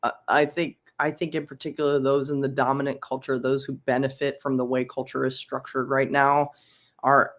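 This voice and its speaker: A woman from Philadelphia, a UX researcher guesting on a podcast, talking casually with many ums and easy laughs. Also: extremely low pitch. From Philadelphia, USA. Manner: chatty, frequent ums, laughs easily. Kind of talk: casual interview chat.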